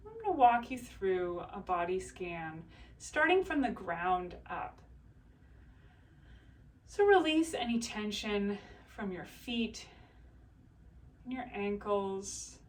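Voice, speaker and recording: Calm, slow-spoken woman voice teacher. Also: medium pitch, recorded from a distance. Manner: calm, slow, soothing instruction. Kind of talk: guided breathing exercise.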